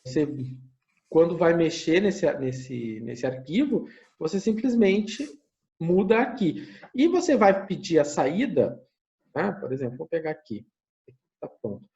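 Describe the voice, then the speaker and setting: Fairly high in pitch, his voice is creaky and mellow, with lively intonation and a measured pace, and the recording's top end is clipped. He's a Brazilian Portuguese-accented university lecturer running an online class via screen share, talking through each step, thinking out loud and regularly checking in with listeners.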